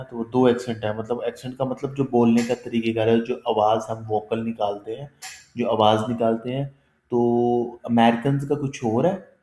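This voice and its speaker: In an echoey room, a man with a mid-range, dark-toned voice teaches a live online class. He walks through the material step by step in a conversational way, frequently checking that his students are keeping up.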